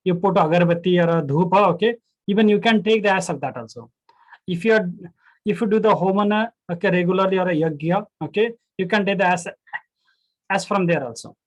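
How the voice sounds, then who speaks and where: A woman's voice: medium pitch, darkish tone. A woman with a North Indian accent teaching a class, answering questions in a reassuring, instructive way and mixing two languages. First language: Hindi. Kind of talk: answering students in Hindi-English mix. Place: online group class call.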